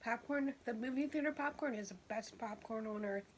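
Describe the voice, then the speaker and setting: A woman's voice: fairly high pitch, fairly quick, slight background noise. A woman vlogger chatting casually to viewers while eating during a mukbang, talking between bites.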